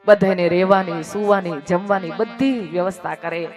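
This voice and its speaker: A man's voice: high voice, fairly even intonation, normal speed. A man preaches a devotional story with strong feeling, letting his voice swell and then sink almost to a whisper. He strings phrases into rhythmic, repeating lists, and faint music plays behind him. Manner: emotional, swells loud then drops to near whisper. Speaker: katha storyteller.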